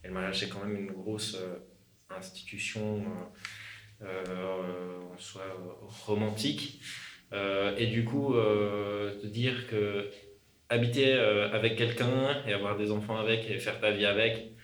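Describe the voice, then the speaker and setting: A man's voice: lowish voice, fairly even intonation, measured pace, a bit bright. An eighteen-year-old man, a youth group leader, speaking hesitantly with many fillers. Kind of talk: casual roundtable discussion. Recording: roomy sound, faint noise.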